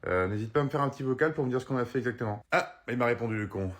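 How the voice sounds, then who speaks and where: A man's voice: medium pitch, expressive, racing. Exasperated, ranting comic man. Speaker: comedian. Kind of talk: comic sketch monologue.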